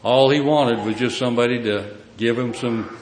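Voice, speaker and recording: A man's voice: medium pitch, normal speed. A man with a rural Ozark hillbilly accent preaching a sermon in a folksy, plain-spoken way. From Missouri, United States. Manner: folksy, plain-spoken, emphatic swells dropping to quiet asides. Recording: echoey hall, reverberant, faint noise.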